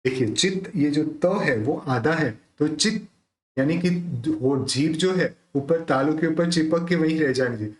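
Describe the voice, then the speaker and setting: A man teaching the pronunciation of a Sanskrit hymn, explaining patiently in speech and then reciting the verses slowly in a drawn-out chant. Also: fairly high pitch, roomy sound, low-quality recording.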